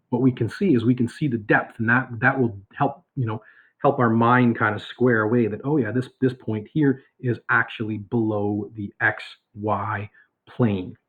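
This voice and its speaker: A male math teacher giving a casual recorded lesson from home, rambling with many fillers and asides. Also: on the low side. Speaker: high school math teacher. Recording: tinny phone-like audio.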